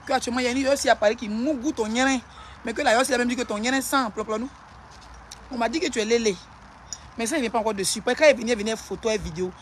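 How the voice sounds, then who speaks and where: An Ivorian social media personality ranting and hurling insults in a live-stream clash, in a taunting, rapid-fire manner. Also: medium pitch, a little hiss or hum.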